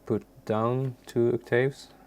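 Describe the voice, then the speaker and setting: A native Swedish-speaking man from Sweden presents an informal, unscripted music software tutorial, halting and searching for words in an unassuming way. His gravelly, creaky voice is medium in pitch and level in tone. Faint background noise and keyboard clicks are audible.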